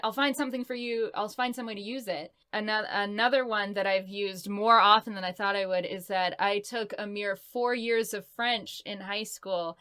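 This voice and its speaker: Bright, crisp young woman, chatty and laughing. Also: medium pitch. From San Francisco Bay Area. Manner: chatty, laughs often, animated. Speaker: interview guest, voice actress. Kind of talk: casual interview chat.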